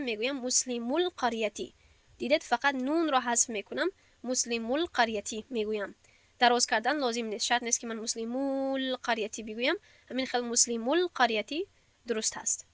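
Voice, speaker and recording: A woman teaching Arabic grammar, explaining patiently step by step and reciting verses slowly. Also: on the high side, fairly bright tone, no echo. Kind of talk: classroom lesson.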